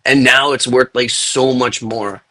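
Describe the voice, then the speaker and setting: A man's voice: mid-range voice, fairly even intonation, a little slow, pushed and bright. A young man hosting a casual crypto chat, laid-back and filling his talk with "dude" and "like". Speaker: podcast host.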